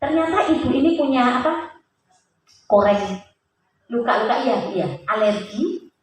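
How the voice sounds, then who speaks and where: Brief: woman, earnest church testimony, distant mic, booming hall echo. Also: expressive, a little slow. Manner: earnest storytelling with questions put to the listeners. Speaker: church speaker giving a testimony. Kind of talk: sermon testimony to a congregation. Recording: very echoey hall, voice off-mic, faint hiss.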